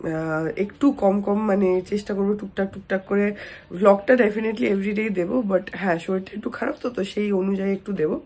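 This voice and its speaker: A woman vlogger with a Kolkata Bengali accent, hoarse from a cold, chatting softly and casually to her viewers. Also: mid-range voice. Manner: chatty, talks softly because of a sore throat. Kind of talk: casual daily vlog.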